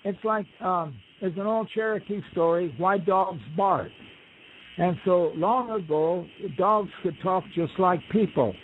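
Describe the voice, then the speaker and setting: A man's voice: high-pitched, a little slow, a little hiss or hum. Folksy man telling stories over a tinny phone line. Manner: folksy, rambling, acts out quoted voices. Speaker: guest storyteller. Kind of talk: relaxed conversational storytelling.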